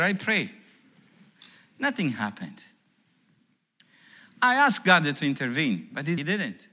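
Bright-voiced pastor preaching with passion. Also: male voice, high-pitched. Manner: earnest, emotional personal testimony with rising and falling intensity. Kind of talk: sermon.

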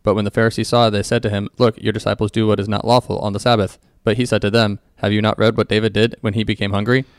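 A man's voice: lowish voice, flat delivery, fast talker, hardly any pauses, no echo, studio quality. A man co-hosting a podcast, explaining playfully and with animation in casual chat. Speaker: podcast co-host.

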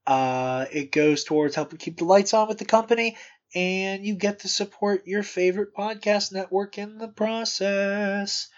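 A man's voice: high-pitched, moderate pace. A man hosting a casual podcast, rambling with restarts and plugging merch eagerly. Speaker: podcast host. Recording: dull lo-fi podcast audio.

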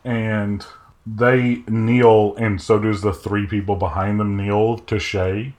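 A man narrating as game master of a tabletop role-playing game, describing scenes in a measured way. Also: lowish voice, level tone, darkish tone.

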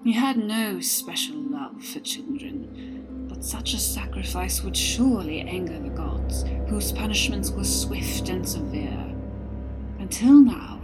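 Lady narrating a dark story, soft and dramatic, sometimes whispery, mid pitch, music playing under it. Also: poor audio. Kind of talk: scripted narration.

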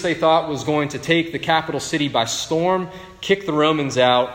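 A man's voice: mid-range voice, a bit bright. A man preaching a sermon in a conversational way, often checking in with a rhetorical "right?". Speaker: pastor. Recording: long hall reverb.

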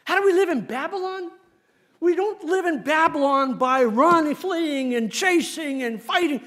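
A male pastor preaching a sermon in an animated, emphatic way, laughing often as he talks. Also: very high-pitched, normal speed.

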